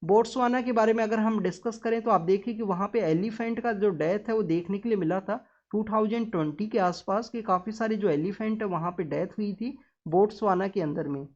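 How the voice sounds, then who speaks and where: A woman teaching exam prep analyzes the newspaper for her class, her medium-pitched, slightly mellow voice running a little fast. She lectures in steps, drops in English terms, and frequently speaks to students directly. The recording sounds slightly dull and muffled.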